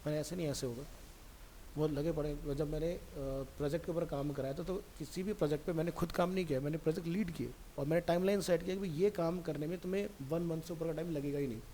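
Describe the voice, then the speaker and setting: A fairly high-voiced man teaching a computer class, relaxed and talkative, speaking straight to his student. A faint hiss runs under the recording. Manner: chatty, digressive, addresses student directly. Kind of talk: casual classroom talk.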